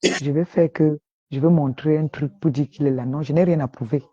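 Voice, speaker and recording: A woman with a deep voice and a Cameroonian accent, chatting and gossiping animatedly on a live stream. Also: fairly quick, slightly rough, lo-fi sound. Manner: animated gossiping, emphatic repetitions. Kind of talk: casual chat.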